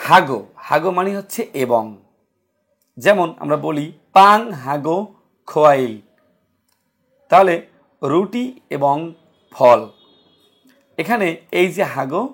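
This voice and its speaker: A man's voice: on the high side, creaky, husky. A man teaching a grammar lesson, asking rhetorical questions and answering them himself. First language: Bengali. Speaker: Korean language teacher.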